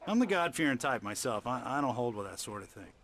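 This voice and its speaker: A man's voice: medium pitch, big pitch swings, quick pace, a bit bright, a little hiss or hum. A man voicing a folksy, God-fearing trailer park manager in a video game. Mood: uneasy. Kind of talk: video game dialogue acting.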